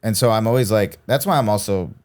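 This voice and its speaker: A man with a fairly low voice chats on a podcast and tells stories from his comedy life. He acts out each person in the story, jumping into their voices and then dropping back to his own easy tone. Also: fast, darkish tone. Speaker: podcast co-host, stand-up comic. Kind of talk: casual chat, storytelling.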